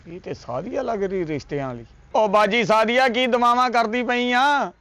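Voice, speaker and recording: A man's voice: very high-pitched, moderate pace, dry recording. A man playing a coaxing young villager in a comedy skit, calling out. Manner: loud, wheedling calls.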